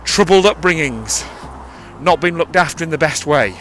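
A man's voice: on the high side, expressive, normal speed, a bit bright, faint music behind. Rambling man recording outdoors. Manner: rambling, self-correcting. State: out of breath walking uphill. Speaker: vlogger. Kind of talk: casual audio diary. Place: outdoors by a busy road. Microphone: handheld mic, cupped. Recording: outdoor street recording with traffic. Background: passing traffic.

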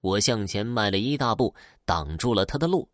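A man narrating a folk tale in an expressive, lively storytelling manner. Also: on the low side, moderate pace, dry recording, clean studio sound.

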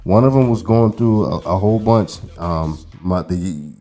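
A man's voice: low voice, a little slow, mellow. A man in his thirties co-hosting a podcast, telling a long story in a laid-back, rambling way, with plenty of fillers and curses. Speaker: podcast co-host. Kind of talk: casual storytelling chat.

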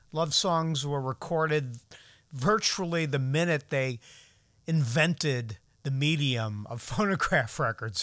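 Slow-talking male music show host, dry sound. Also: medium pitch, fairly bright tone, dry recording. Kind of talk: unscripted introduction of vintage records.

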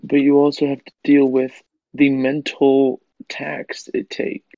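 A man's voice: mid-range voice, completely flat delivery, slow, creaky, mellow, no room sound, lo-fi sound. A man in casual chat as a podcast co-host, laid-back and jokey.

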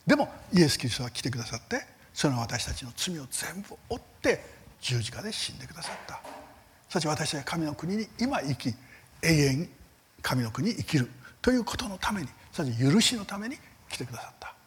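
Male Bible teacher, church seminar lecture; earnest, emphatic, with rhetorical questions and a very animated, rising and falling pitch. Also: a little fast. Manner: lively rises in pitch on key words, soft fading line ends.

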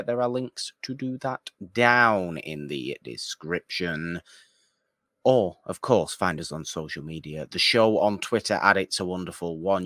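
Low-voiced male podcast co-host, casual and rambling plugs, dry close mic. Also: fairly bright tone, dry recording. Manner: rambling, self-correcting plugs.

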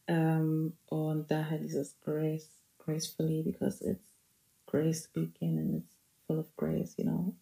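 A young woman in her twenties talks through her podcast with a low, gravelly voice that has a mellow warmth to it. She is chatty and playful, slips into English phrases and drops in amens, and the room around her sounds echoey. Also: monotone, slow pace. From Germany (Bavaria). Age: 20s. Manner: praise interjections like amen and hallelujah. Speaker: podcast host. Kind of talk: casual solo podcast talk.

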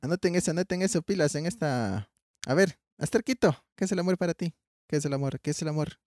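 A young man leads a casual comedic chat, teasing his friends and laughing often. His voice sits a little high. The recording is dry, with no room sound. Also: expressive, fast talker, a little mellow, no room sound. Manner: playful, exaggerated greetings, frequent laughter. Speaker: podcast host.

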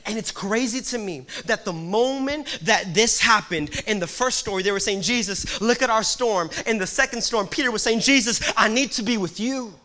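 Young man, pastor, preaching with dynamic hushed-to-loud swings; high, bright voice. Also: normal speed, hardly any pauses. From Puerto Rico. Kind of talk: sermon.

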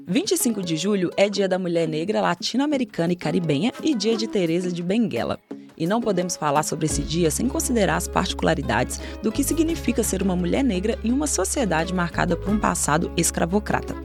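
A woman podcast host delivering scripted narration in a clear, measured way. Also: lowish voice, sing-song. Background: background music.

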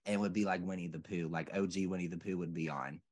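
A man's voice: sits low, steady tone, quick pace, darkish tone. A man in casual chat, talking things over in a rambling, reflective way with many fillers.

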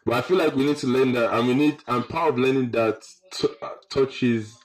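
A man's voice: medium pitch, fairly quick. A man with an urban London roadman accent talking casually and slangily, repeating phrases for emphasis. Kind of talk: casual discussion. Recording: roomy, echoey sound.

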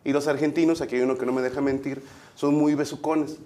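A man with a Mexican accent hosting a casual chat, joking loudly and swearing freely. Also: medium pitch, flat delivery, fast talker. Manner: loud, profane joking banter. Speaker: host.

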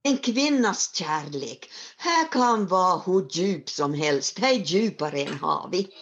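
A clever, self-assured young daughter gives her answers with bright confidence, voiced by a woman telling the tale. Her voice sits low for a girl. The recording sounds dull and lo-fi. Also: lively intonation, a little hiss or hum. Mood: sure, earnest.

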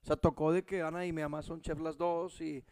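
A man's voice: fairly high pitch, flat delivery, brisk, a crowd in the background. Laughing, swearing Mexican storyteller man. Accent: Mexican Spanish. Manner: laughs often, swears freely, acts out voices in stories. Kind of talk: casual storytelling chat.

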